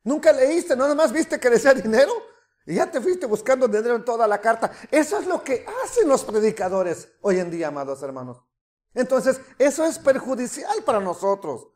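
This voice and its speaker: A man preaching a sermon as pastor, animated, with mocking asides and rhetorical questions. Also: extremely high pitch, moderate pace.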